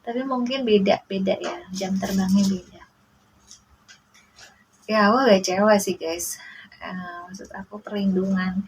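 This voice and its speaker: A woman in her forties, a mother speaking in a casual to-camera monologue, emotional and halting, often addressing her listeners directly, indignant and protective. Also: mid-range voice, steady tone, slight background noise, rough recording. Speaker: mother sharing a personal story.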